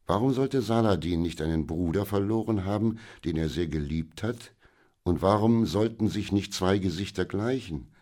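A man reading an audiobook, voicing a wise, calm older merchant who speaks in a soothing, measured way. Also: deep voice.

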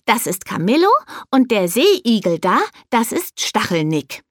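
A woman's voice: mid-range voice, big pitch swings, unhurried, no echo, studio quality, voice pushed up. A woman voicing an eager, curious little boy who is the younger brother.

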